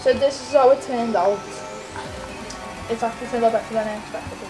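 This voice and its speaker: A teenage girl's rather high, fairly quick voice comes through a rough recording as she vlogs from her small bedroom, rambling, chatting and mumbling while cooking. The camera mic is close up, and loud music plays under her talk.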